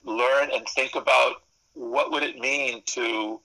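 A Spanish-speaking man, a psychology professor and consultant, gives thoughtful answers in a radio interview, piling up lists and correcting himself along the way. His medium-pitched voice is slow, creaky and bright, with a forceful tone and fairly even intonation. The audio quality is poor.

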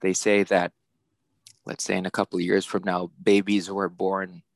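A man's voice: low-pitched, level tone, moderate pace, gravelly, dry recording. A middle-aged man from the Philippines, a guest artist, explaining things in a chatty way with many fillers. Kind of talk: casual interview.

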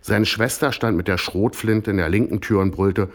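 A man's voice: on the low side, fairly even intonation, normal speed. A man reading a comic story aloud as the narrator, with a dry storytelling manner.

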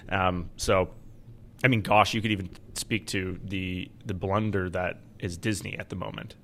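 A man with a lowish voice co-hosts a finance podcast in a casual, conversational style. There is some noise behind him. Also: fairly even intonation, moderate pace, vocal fry, fairly bright tone. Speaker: podcast co-host and investment adviser.

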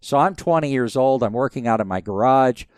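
A man in his fifties tells stories as a podcast guest, his voice smooth and resonant on a dry, close recording. He rambles with plenty of restarts but keeps the telling lively. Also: medium pitch, a little fast, no room sound. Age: 50s. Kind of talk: casual storytelling interview.

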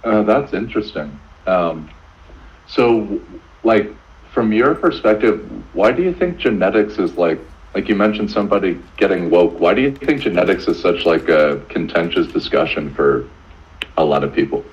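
A man's voice: deep voice, big pitch swings, moderate pace. A man hosting a podcast, asking hesitant questions between short acknowledgments. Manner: brief backchannels, hesitant questions. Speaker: podcast host. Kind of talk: casual interview. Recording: dull lo-fi sound.

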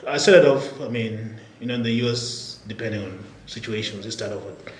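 A man with a Kenyan accent telling his story casually as a podcast guest, in a halting way with many filler phrases. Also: fairly low pitch. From Nairobi, Kenya. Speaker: podcast guest, product executive. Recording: roomy echo, faint background noise.

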